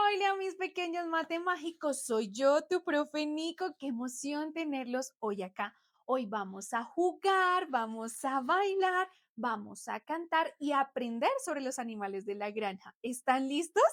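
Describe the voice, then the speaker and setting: A young woman teaching small children in a cheerful, exaggerated sing-song manner, and sometimes imitating animal sounds. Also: high voice.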